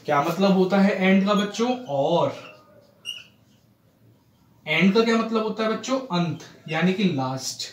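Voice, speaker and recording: A male teacher giving a classroom grammar lesson to children, often checking they follow and reading English examples slowly. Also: high-pitched, a little hiss or hum. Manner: addresses children, frequent "ठीक है ना" checks, slow spelled-out English examples. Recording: echoey room.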